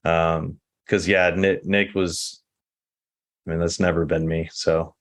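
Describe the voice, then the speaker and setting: Deep-voiced male guest from Texas, relaxed and reflective, quick to laugh. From Texas, United States. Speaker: podcast guest. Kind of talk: casual conversational interview.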